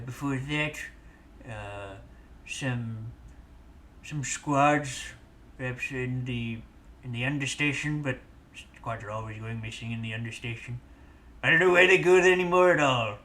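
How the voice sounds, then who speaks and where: A man narrating as game master of a tabletop game, halting, with frequent restarts and easy chuckles. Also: mid-range voice, slight background noise. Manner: halting, many fillers and restarts, relaxed chuckles.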